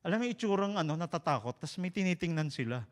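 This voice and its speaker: A man with a Filipino accent preaching a sermon, an animated, joking storyteller who slips between Tagalog and English. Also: fairly high pitch, rapid-fire, big-room sound.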